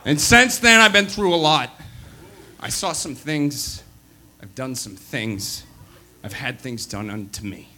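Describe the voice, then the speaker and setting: A man's voice: medium pitch, lively intonation, takes it slowly, pushed and bright. A man with a Boston accent giving an impassioned, theatrical speech on stage as a guest at a live comedy show. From greater Boston area, USA. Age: 30s. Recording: live stage with audience noise.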